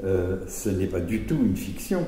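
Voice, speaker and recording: A male interviewer who listens attentively, with soft murmurs of agreement, then shares his thoughts calmly. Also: deep voice, moderate pace, a little hiss or hum. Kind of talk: conversational interview. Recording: echoey hall with long reverb.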